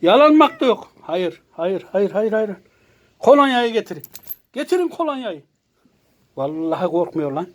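A man's voice: sits high, very animated, normal speed, pauses often, darkish tone. A man talking to his pet cat at home, scolding it and babying it in turn, with a cat meowing nearby.

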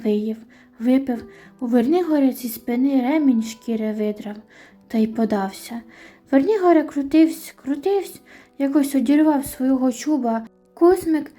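A woman storyteller reading a folk tale at bedtime, with steady storybook narration and a folk-tale rhythm. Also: high-pitched.

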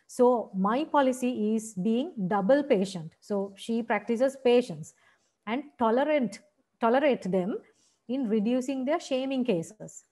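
A woman's voice: fairly high pitch, lively intonation, a little slow, dark tone. A woman with a Sri Lankan accent giving a teacher-training seminar, explaining point by point and checking in with "right?". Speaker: seminar lecturer.

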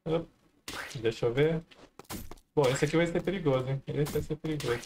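A man's voice: fairly high pitch, fairly quick, darkish tone, slight background noise. A man casually commenting on his own gameplay, chatting to viewers with frequent exclamations. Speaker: gameplay streamer. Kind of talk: casual let's-play commentary.

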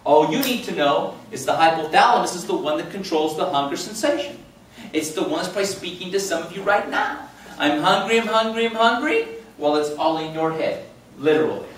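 A man in his fifties teaches a class with a lively, swooping, fairly high voice. He jokes and acts out little quotes. He is picked up from across an echoey meeting room. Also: normal speed. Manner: animated, jokey, talks with big hand gestures and quoted voices. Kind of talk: live classroom lecture. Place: meeting room with projector screen. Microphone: far camera in the room. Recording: roomy and distant with faint hum.

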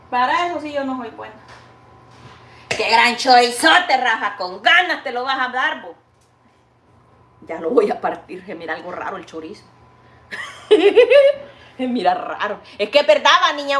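A woman's voice: high voice, a bit bright, echoey room, a little hiss or hum. A woman chatting casually while she cooks in her home kitchen, rambling fondly to the viewer. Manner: chatty, rambling, calls the viewer "niña" and "hija linda". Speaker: cooking vlogger. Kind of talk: casual chat while cooking.

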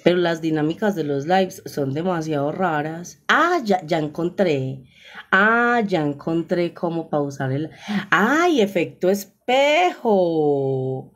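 A young woman with a Paisa accent talks to her live-stream viewers through a phone, chatty and full of exclamations. Her voice sits a little low for a woman, and she laughs often as she goes. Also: measured pace. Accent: Paisa Colombian Spanish. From Colombia.

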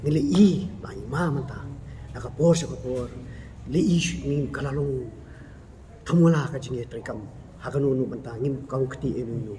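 A middle-aged man giving a steady, formal press conference statement, seated at a table in a bare concrete meeting hall, picked up by a camera in front of him. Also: mid-range voice. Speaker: association office-bearer at a press meet. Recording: noisy room background.

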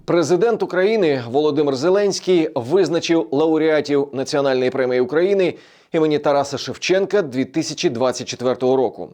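A man presenting a weekly regional news roundup in a measured, scripted delivery. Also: fairly high pitch, darkish tone.

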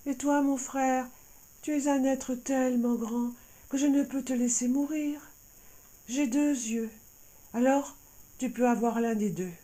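A man voicing a small, timid but brave female mouse in a soft, high, trembling voice for a storybook. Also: steady tone, measured pace, long pauses. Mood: anxious. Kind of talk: storybook character voice.

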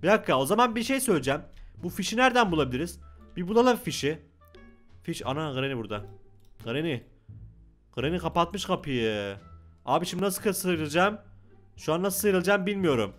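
A young man giving excited Let's Play commentary as a gaming YouTuber, exclaiming and talking to the game characters. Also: a little high, brisk, pauses often, faint music behind.

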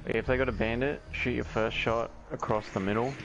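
A man in casual game voice chat giving brisk tactical callouts to his team. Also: medium pitch, fairly even intonation, gravelly, lo-fi sound, music in the background. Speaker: teammate.

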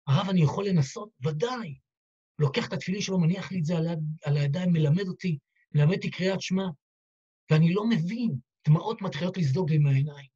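A man, a rabbi, delivers a dramatic, heartfelt story as a sermon, slipping into the voices of the people in it. His voice sits somewhat high yet sounds mellow and husky. The recording is dull and lo-fi. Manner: dramatic, heartfelt retelling with quoted dialogue.

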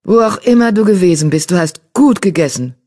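Lady reading as a skinny old-hand tomcat, gruff but friendly. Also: lowish voice, animated, a little fast, warm tone, voice pushed up. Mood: warm. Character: gaunt, warm-hearted tom warrior cat.

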